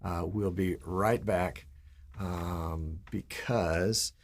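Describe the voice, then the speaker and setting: Middle-aged male stream host with a low, gravelly voice, rambling and talking to himself in a small studio. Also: fairly even intonation, very slow. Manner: rambling, mutters to himself while working the software. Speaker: live-stream show host. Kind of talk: casual live-stream chat.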